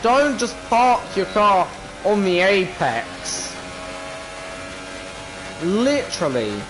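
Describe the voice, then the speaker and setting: A man's voice: high-pitched, big pitch swings, drawn-out words. A British man giving casual, grumbling, exasperated commentary while playing a racing game. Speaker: gamer, video creator. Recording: racing car noise behind voice. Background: racing game engine sound.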